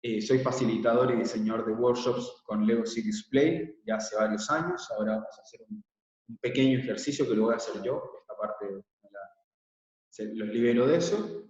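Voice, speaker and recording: A man from Israel, a workshop facilitator, presenting calmly online and explaining with frequent hesitant fillers. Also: mid-range voice, brisk. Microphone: laptop mic on a video call. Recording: echoey, distant, dull video call audio.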